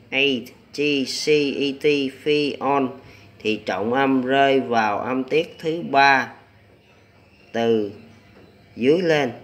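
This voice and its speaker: Slow, methodical male pronunciation teacher. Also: mid-range voice. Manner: methodical, reads each example word separately. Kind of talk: explaining rules and reading out word lists.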